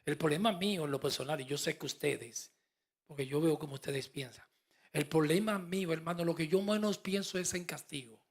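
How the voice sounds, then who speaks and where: A male pastor preaching a fervent sermon, swinging from soft asides to emphatic calls. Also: on the high side, a little fast, husky.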